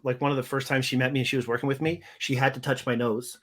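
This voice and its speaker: A man's voice: mid-range voice, little pitch movement, fast talker, a bit bright. A man co-hosting a podcast in casual chat, joking at his own expense in a hesitant, rambling way. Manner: jokey, self-deprecating, hesitant rambling. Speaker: podcast co-host.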